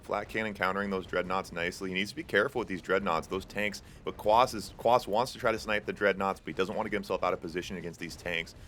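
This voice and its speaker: This young man hosts and casts a tournament stream, calling a strategy game live in a casual, chatty way full of fillers, asides and jokes with chat. His low voice is a bit bright and fairly even in intonation, moving quickly with hardly any pauses. A little hiss or hum sits under the recording.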